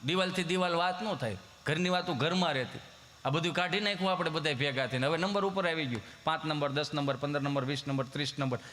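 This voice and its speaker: A man's voice: on the high side, quick pace, a bit bright, slight background noise. A man with a Kathiawadi Gujarati accent doing folk stand-up storytelling, folksy and anecdotal, chuckling as he goes. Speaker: stand-up comedian.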